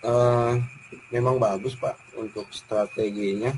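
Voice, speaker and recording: Coach guy, west java accent, polite questions, really slow, bit of background hiss. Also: medium pitch, steady tone, a little mellow, rough recording. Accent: Indonesian, West Java. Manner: polite questioning, addressing the other as Pak. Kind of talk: coaching practice conversation.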